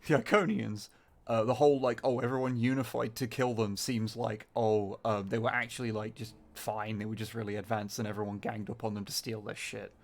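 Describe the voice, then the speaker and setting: A man's voice: lowish voice, little pitch movement, fairly quick, vocal fry. A man giving casual, rambling, sweary commentary while streaming a video game.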